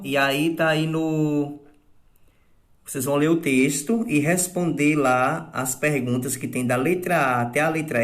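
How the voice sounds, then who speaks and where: A man teaching a recorded class lesson to children, explaining patiently step by step and often checking "tá bom?" with his pupils. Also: a little high. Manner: acts out sample exclamations in a raised, drawn-out voice.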